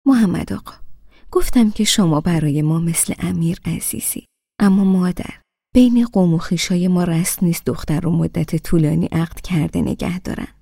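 A woman's voice: lowish voice, creaky, warm tone, slightly rough, no echo, clean studio sound. A woman reading the part of a sweet elderly grandmother who talks hesitantly, stopping and starting, in an audiobook. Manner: hesitant, stops and restarts.

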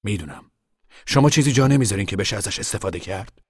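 A man's voice: fairly low pitch, animated, slightly rough, no echo, studio quality, big-room sound. A man doing a timid, beaten-down bearded squatter. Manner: hesitant, downcast answers.

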